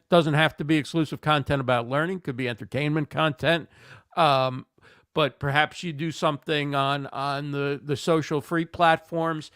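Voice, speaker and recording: Speaking as a guest expert on livestreaming, this man answers interview questions conversationally, his voice somewhat high, smooth and fairly bright yet slightly hoarse as he begins to lose it. He sounds halting and thoughtful, with lots of fillers and repeated words, captured in studio quality with no room sound.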